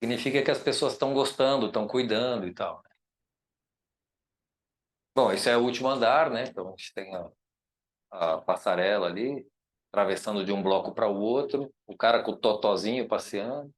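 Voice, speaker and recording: An architect with a Brazilian Portuguese accent gives an informal lecture over slides in a lecture room, chatty and enthusiastic, often checking in with tag questions. His voice is lowish and his speed normal.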